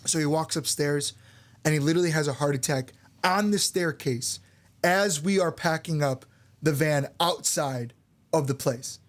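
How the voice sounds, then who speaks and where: Young male frontman, slightly raised pitch; casual, swear-heavy podcast storyteller. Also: moderate pace. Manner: loose and candid, swears freely, lots of "like". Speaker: band frontman and podcast co-host.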